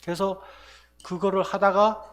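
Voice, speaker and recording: A man's voice: high voice, flat delivery, unhurried. A young man with a North Korean Hamgyong accent, telling his personal story as a guest speaker in a church service, earnest and full of fillers and self-corrections.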